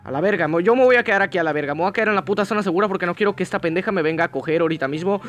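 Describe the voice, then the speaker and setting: High-voiced, foul-mouthed Mexican gamer man. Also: rapid-fire, faint music behind. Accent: Mexican Spanish. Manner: profane, yelling in panic and cursing. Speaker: gaming YouTuber. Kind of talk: horror game let's play commentary.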